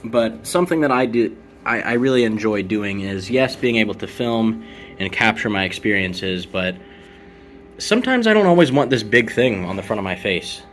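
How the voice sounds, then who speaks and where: A man's voice: on the low side, lively intonation, normal speed, fairly bright tone, slight background noise. A man presenting motorcycle vlogging gear in a casual product walkthrough, explaining things in an informal, conversational way.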